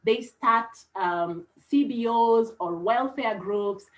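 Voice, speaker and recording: A woman's voice: on the high side, slow, rough recording. A woman psychologist with a Kenyan English accent, speaking earnestly on a panel. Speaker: psychologist and consultant. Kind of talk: panel talk.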